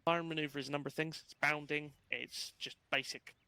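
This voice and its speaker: A man's voice: fairly high pitch, steady tone, a little fast, sharp tone, smooth, no echo, poor audio. A man casually briefing his gaming unit on tactics over voice chat, with lots of ums and uhs. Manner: casual, chatty, filler-heavy explaining. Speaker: unit instructor.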